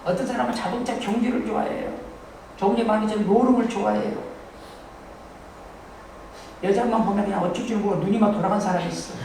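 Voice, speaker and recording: Lively, high-pitched preaching man in echoey hall. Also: a little fast, vocal fry, pauses often, slight background noise. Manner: animated, joking, bursts into shouting. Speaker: pastor. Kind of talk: sermon. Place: church sanctuary. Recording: echoey church hall, mic from far off.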